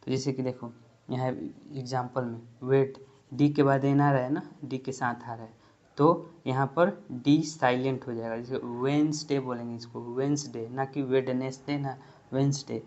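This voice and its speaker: A man's voice: medium pitch, fairly even intonation, unhurried, darkish tone. A man with a Hindi accent giving a spoken English pronunciation lesson, explaining step by step and repeating example words. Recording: dull lo-fi recording.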